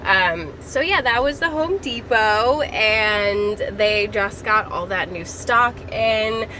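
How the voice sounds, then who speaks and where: A woman's voice: mid-range voice, slow, sharp tone. A woman hosting a casual plant-shopping vlog, talking in a chatty, informal, slangy way. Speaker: vlog host. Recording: background music, fan or vehicle hum.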